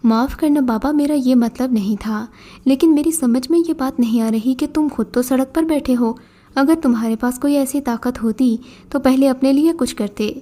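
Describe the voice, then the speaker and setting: A desperate, luckless young man, pleading and confused, read by a woman storyteller. The tone is mellow and pitched fairly high. It plays like a storybook scene.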